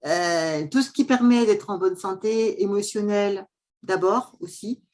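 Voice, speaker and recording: A woman's voice: mid-range voice, unhurried. Chatty woman hosting a video call. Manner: chatty, warm welcome, frequent fillers. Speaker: host and coach. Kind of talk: casual interview over video call.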